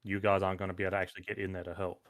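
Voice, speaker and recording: A man's voice: sits low, completely flat delivery, rapid-fire, no room sound, clean studio sound. A man playing a tabletop game, talking casually in a pointed, exasperated manner.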